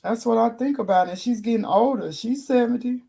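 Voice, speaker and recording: Woman, livestream host, hoarse, gravelly fry, casual chat. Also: fairly high pitch, a little fast, mellow. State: hoarse, losing her voice.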